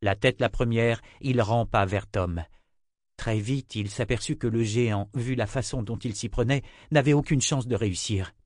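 A man narrating an audiobook chapter in a measured, expressive reading. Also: mid-range voice, no room sound, studio quality. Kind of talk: scripted narration.

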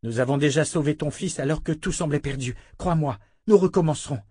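A man's voice: a little high, brisk, darkish tone, slightly rough, no room sound, clean studio sound, pitched above the performer's own voice. A man voicing a firm, comforting woman warrior in an audiobook, speaking earnestly. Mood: reassuring.

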